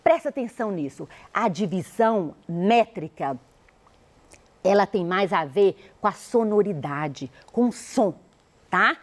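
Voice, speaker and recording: A woman's voice: medium pitch, expressive, a little slow. A woman teacher with a Brazilian accent gives a televised school lesson, explaining step by step, counting aloud and asking the class rhetorical questions. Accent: Brazilian Portuguese. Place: studio.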